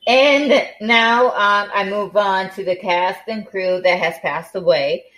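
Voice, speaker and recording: Slow, tired woman podcast host. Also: mid-range voice, fairly bright tone, rough recording. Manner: unhurried, with many fillers and restarts. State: tired and yawning. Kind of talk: casual podcast chat.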